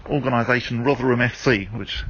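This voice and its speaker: A man who presents radio casually narrates arriving by car and walking outside a stadium, then chats about it in the studio, chatty and self-deprecating with plenty of fillers. His voice is medium in pitch, steady, fairly quick, and a bit bright. The recording is muffled and carries a little hiss or hum.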